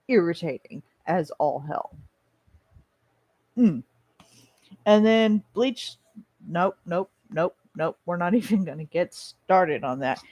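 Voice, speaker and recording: This is a vlogger with a mid-pitched voice who rambles slowly and casually while chewing. The delivery is blunt and opinionated, with some swearing, in a close, dry sound. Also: darkish tone, dry recording.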